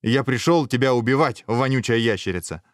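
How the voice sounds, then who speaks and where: A man voicing a brash young knight hero who is boastful but cowardly, shouting challenges. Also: medium pitch, brisk, dry recording, clean studio sound, voice pushed up, lightly acted. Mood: blustering.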